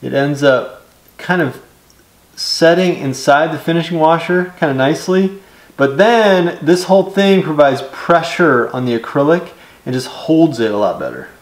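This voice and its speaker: A middle-aged man giving relaxed, step-by-step how-to instructions while building in his home workshop. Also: fairly high pitch, moderate pace. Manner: relaxed, step-by-step explaining with casual fillers. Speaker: DIY builder. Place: home woodworking garage workshop. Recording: echoey workshop with clear background noise.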